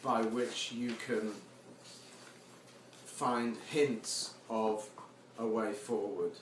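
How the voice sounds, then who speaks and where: The speaker, a man with a lowish, steady voice who draws out his words, is reading his own poems to a seated audience. He introduces them loosely and pokes gentle, wry fun at himself, while the distant recording picks up an echoey, noisy room.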